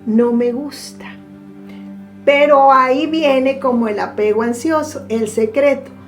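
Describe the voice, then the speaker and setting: A woman with a high voice gives a spiritual talk at an unhurried pace and draws out the words she wants to land. Soft music plays faintly underneath. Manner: slow, deliberate, stretches key words for emphasis. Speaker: spiritual teacher. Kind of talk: reflective teaching monologue.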